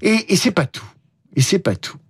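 A man presenting a lively, chatty press review on the radio, stumbling over names and adding asides. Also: high voice, normal speed, breathy edge, no echo, studio quality. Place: radio studio.

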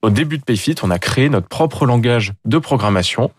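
A man's voice: mid-range voice, expressive, fairly quick, slightly rough, dry recording, clean studio sound. A man, a company founder, answering interview questions in a hesitant way, with many fillers and repeated words.

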